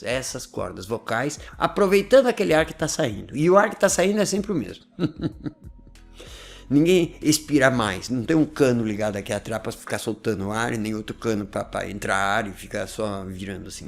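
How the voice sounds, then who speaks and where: A man gives a relaxed explanatory talk, his voice gravelly with fry. His pitch swings widely as he talks, and soft music plays faintly underneath. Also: moderate pace. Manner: chatty, laughs often, keeps checking in with "né?" and "tá?". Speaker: host explaining language learning.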